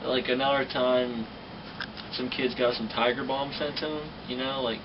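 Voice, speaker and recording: A man's voice: medium pitch, fairly even intonation, normal speed, dull audio, background noise. Young man telling slangy army stories. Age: young adult. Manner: slangy and profane, filler-heavy. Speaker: guest. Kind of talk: casual storytelling. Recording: distant mic with music behind.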